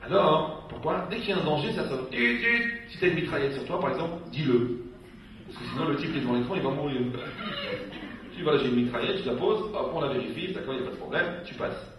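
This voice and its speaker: Speaking fast in a slightly high voice, a rabbi entertains a dinner crowd with funny stories, vividly impersonating those he quotes. The recording sounds echoey and faintly noisy, captured by a distant mic in a hall.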